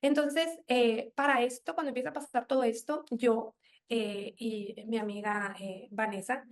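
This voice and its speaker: A young woman giving an earnest, animated personal faith testimony, often quoting her own past words. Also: fairly high pitch, normal speed.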